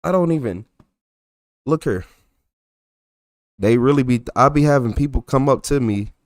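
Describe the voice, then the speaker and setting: A man's voice: medium pitch, normal speed, no room sound, studio quality. A young man with a thick Texas accent, chatting loosely on a livestream and reacting to messages from his chat. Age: young adult. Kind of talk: casual livestream chat reading comments.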